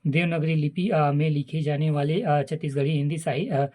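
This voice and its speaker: A man from reading a grammar chapter aloud in a halting way, with many filler sounds and restarts. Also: on the high side, steady tone, a little mellow. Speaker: teacher reading a grammar book.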